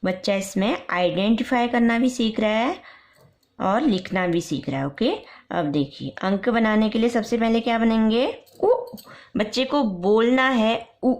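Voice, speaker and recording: A woman teaching young children's letter sounds step by step for parents, repeating each sound slowly. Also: on the high side. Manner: slow, repetitive, drawn-out letter sounds. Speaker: nursery teacher.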